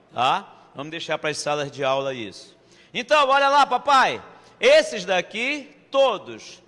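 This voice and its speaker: A man's voice: on the high side, bright, forceful tone, in a large hall. A Brazilian man teaching a grammar lesson with playful asides to his students. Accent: Brazilian Portuguese. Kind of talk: online exam-prep grammar lesson.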